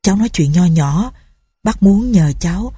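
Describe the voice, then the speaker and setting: A woman's voice: mid-range voice, animated, normal speed, warm tone, husky, dry recording. A woman voicing a fearful, bitter old peasant man who laments his fate.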